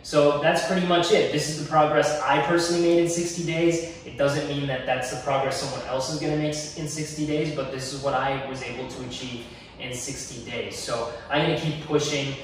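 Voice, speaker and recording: A young fitness channel host from Egypt talks casually and encouragingly to the camera in his home gym, earnest throughout. His voice is on the high side, level in tone, and brisk. The camera picks him up from a distance, in an echoey room with slight background noise.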